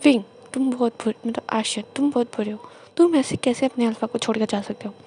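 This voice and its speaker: A woman's voice: on the high side, a little fast, mellow, slight background noise, close to an everyday voice. A woman voicing a stern, straight-faced male alpha husband who scolds bluntly. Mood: scolding.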